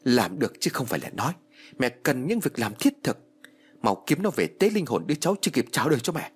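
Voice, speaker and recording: A man's voice: medium pitch, sing-song, fast talker, husky. A man voicing a domineering wealthy old matriarch with a cold, commanding manner.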